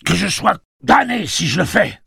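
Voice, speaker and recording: A man's voice: sing-song, moderate pace, vocal fry, bright, forceful tone, husky, no room sound, clean studio sound, full character voice. A man voicing a paranoid, snarling male thug who shrieks and rants. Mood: furious. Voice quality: shrill and ranting.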